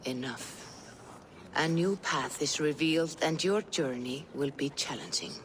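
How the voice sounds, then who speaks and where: A woman playing a solemn, mystical Norse seer in a video game, speaking in a measured, grave and cryptic way. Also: low voice. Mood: grave, foreboding. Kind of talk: dramatic video game dialogue. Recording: faint ambient noise.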